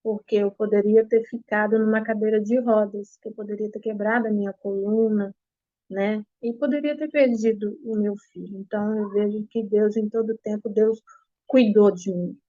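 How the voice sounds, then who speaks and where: A young adult woman with a Brazilian Portuguese accent gives an emotional personal testimony, repeating herself with halting pauses, at home. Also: mid-range voice, no room sound. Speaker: interviewee giving testimony. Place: apartment at home. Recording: slightly dull lo-fi, dry.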